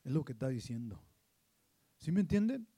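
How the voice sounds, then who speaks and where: A man preaching as a pastor, mixing in English and building from quiet storytelling to loud preaching. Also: mid-range voice, very animated, normal speed, slightly rough, no room sound. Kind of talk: sermon.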